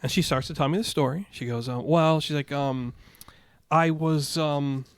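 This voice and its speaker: Guy in his young adult years, podcast co-host, animated storyteller, slightly high voice, dry close mic. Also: moderate pace, clear, resonant tone, dry recording. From Michigan. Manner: animated anecdote-telling, acts out quoted dialogue. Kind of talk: casual storytelling chat.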